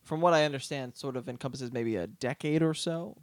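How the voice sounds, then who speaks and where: A man co-hosting a podcast, chatting casually about books with relaxed fillers. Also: medium pitch, brisk, dry recording, clean studio sound. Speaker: podcast co-host. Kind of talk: casual book chat.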